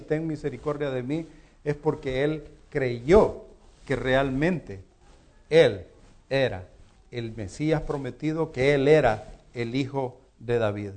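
A man preaching a sermon in an earnest tone, asking rhetorical questions and swinging between loud and soft. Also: medium pitch.

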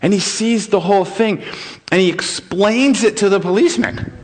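Male pastor, high voice, animated sermon storyteller who chuckles often. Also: normal speed. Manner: animated retelling with frequent chuckles.

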